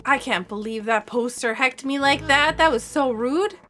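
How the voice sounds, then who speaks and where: A woman's voice: high voice, normal speed, bright, forceful tone, soft background music. A woman streamer chatting casually to herself and her viewers while playing a video game. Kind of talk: casual live gameplay chat.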